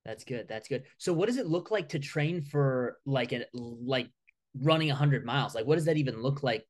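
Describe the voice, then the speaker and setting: A man's voice: medium pitch, animated, normal speed. A man hosting a podcast, asking questions in an upbeat, enthusiastic casual way with frequent "like.". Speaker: podcast host. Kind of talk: casual interview chat.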